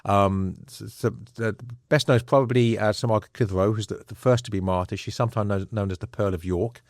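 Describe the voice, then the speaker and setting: Interview guest, man with a lowish voice, dry close sound, earnest and halting. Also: steady tone, no echo. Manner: frequent fillers and restarts, earnest. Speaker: author and scholar guest. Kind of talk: conversational interview storytelling.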